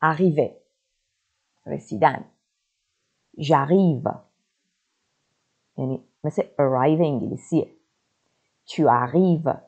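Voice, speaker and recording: Woman, online French teacher; warm low voice, muffled lo-fi recording. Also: breathy edge. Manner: slow deliberate French drills, quick asides. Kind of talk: online language lesson.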